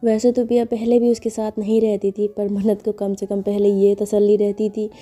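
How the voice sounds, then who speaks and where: Chatty woman storyteller, dark mellow voice, pretty flat, soft music behind. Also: medium pitch, moderate pace. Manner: chatty, conversational, sprinkled with asides. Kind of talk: casual story narration.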